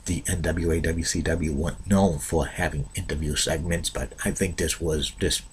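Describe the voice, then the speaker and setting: A man hosting an unscripted countdown in a halting, repetitive way, stumbling over his words. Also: rumbling low, steady tone. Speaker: host of a top ten countdown series. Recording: noisy amateur recording.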